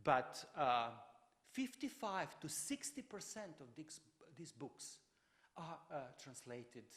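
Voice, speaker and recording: A man with a fairly high voice, whose first language is Croatian, gives a public lecture slowly, his tone lively and rising and falling. He stumbles through many fillers and restarts, and a long reverb from a large lecture hall surrounds his voice.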